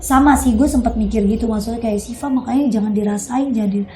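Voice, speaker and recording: Animated woman telling a scary story. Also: fairly high pitch, fast talker, crowd noise. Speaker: host. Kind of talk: casual storytelling chat. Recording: echoey room.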